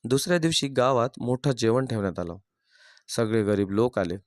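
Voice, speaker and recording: A male storyteller reads a moral story aloud in a steady, plain delivery. His voice sits at an ordinary middle pitch. The recording is dry and close, with no room echo. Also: normal speed. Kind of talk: scripted story narration.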